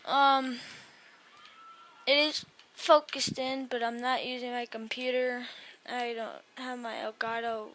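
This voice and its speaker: Sleepy young woman w hiccups chatting over her game, slow, bright high voice, kinda rambly. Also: flat delivery. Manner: rambling, trailing off and restarting. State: tired, with hiccups and yawning. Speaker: gaming YouTuber. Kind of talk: casual gameplay commentary.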